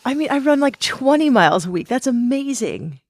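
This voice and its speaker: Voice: sits high, sing-song, fairly quick, no echo, studio quality. A podcast host asking short, curious questions in a casual interview.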